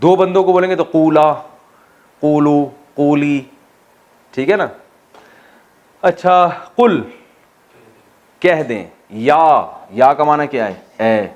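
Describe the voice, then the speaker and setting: A man's voice: fairly high pitch, pauses often, a little mellow. A man from Pakistan, an Islamic scholar teaching a Quran exegesis class, who asks the class questions, answers them himself, and jokes with his students. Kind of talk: classroom lecture.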